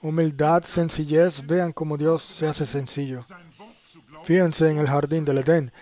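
A man's voice: a little high, little pitch movement, a little slow, mellow. A man preaching a sermon in earnest tones, often putting rhetorical questions to his listeners.

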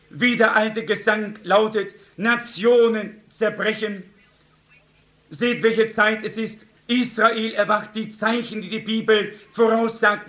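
High-voiced man preaching slowly. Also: a bit bright. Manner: fervent, repeated exhortations to the congregation; tells stories with quoted dialogue. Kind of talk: sermon.

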